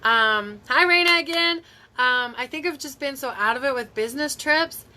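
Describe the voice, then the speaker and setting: At a moderate pace, a Tennessee beauty vlogger rambles casually through a home live stream on her phone, answering viewer comments. Her slightly high voice has a sharp tone.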